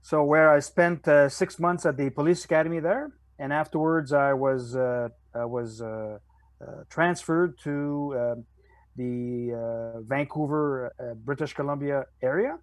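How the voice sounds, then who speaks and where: An older man from Montreal, a retired police officer, speaking as a guest on a podcast with many pauses and fillers. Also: medium pitch, steady tone, no room sound. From Montreal, Canada. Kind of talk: podcast interview.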